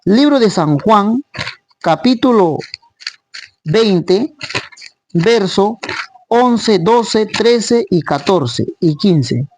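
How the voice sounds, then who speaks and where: A man's voice: high voice, expressive, very slow, long pauses, darkish tone, a little hiss or hum. A man preaching a Bible study to his congregation. He explains each verse, asking questions and answering them himself.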